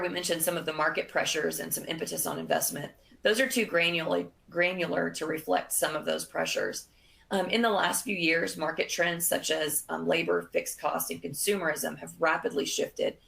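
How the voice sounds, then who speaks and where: A woman presenting a business webinar, losing her voice, in a measured delivery with frequent fillers. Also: lowish voice, steady tone, creaky, fairly bright tone.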